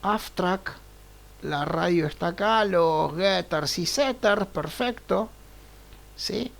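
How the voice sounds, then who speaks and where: Man, programming teacher, online class, slow deliberate pace, gravelly voice, thinks aloud, frequent check-ins. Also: high voice, fairly bright tone. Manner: unhurried, checks in with frequent "right?" tags. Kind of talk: live online class, thinking aloud over screen share.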